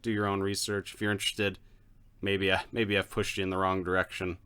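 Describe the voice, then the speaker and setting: A man co-hosting a casual gaming podcast, animated and laughing often, with self-deprecating jokes. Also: deep voice, brisk, smooth. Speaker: podcast co-host.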